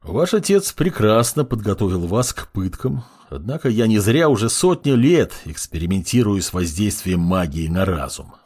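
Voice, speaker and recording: An ancient undead lich, voiced by a male audiobook reader, speaks with quiet, clinical fascination and a soft menace. The voice sits low with a husky, breathy grain. Its pitch moves freely, rising and falling. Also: moderate pace, few pauses. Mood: menacing. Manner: calm, coolly fascinated, softly menacing. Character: cold, curious undead lich mage, centuries old. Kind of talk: audiobook character reading.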